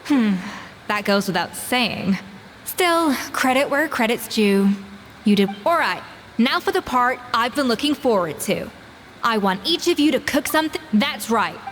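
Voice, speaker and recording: A self-assured game chef. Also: female voice, fairly high pitch, expressive, measured pace, a bit bright, a little hiss or hum. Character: confident adult woman chef judging the cooks. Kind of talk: video game voice acting.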